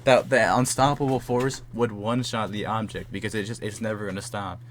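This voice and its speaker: A young man with a fairly low voice argues in a loose, casual chat, skeptical and pushing back with question after question. A faint hum sits under the recording. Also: fairly even intonation, a little fast. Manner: skeptical, pressing with repeated questions.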